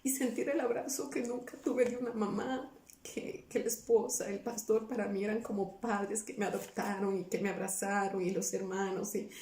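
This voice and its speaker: A woman's voice: medium pitch, fairly even intonation, normal speed, mellow. Earnest woman telling her testimony, roomy sound. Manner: earnest, repeats words, quotes her own past pleas. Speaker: guest giving a testimony. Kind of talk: personal testimony, emotional storytelling. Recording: roomy, somewhat distant from the mic.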